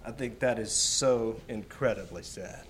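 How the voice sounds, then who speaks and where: A man preaching a sermon in a church, explaining Scripture slowly with emphatic repetition. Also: on the low side, slight background noise.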